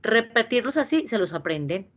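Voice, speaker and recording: A woman teaching an English class, patiently repeating verb forms slowly. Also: a little high, very animated, muffled recording.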